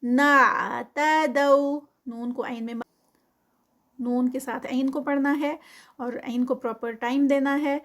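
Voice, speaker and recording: High-voiced woman teaching Quran recitation. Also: fairly even intonation, darkish tone. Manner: slow drawn-out recitation, then quick plain explanation. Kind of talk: tajweed lesson, explaining rules between recited phrases.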